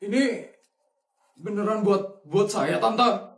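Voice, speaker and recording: A man's voice: high voice, slow, creaky, fairly bright tone, echoey room, full character voice. A man playing a timid bullied schoolboy who speaks earnestly and stammers. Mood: pleading, grateful.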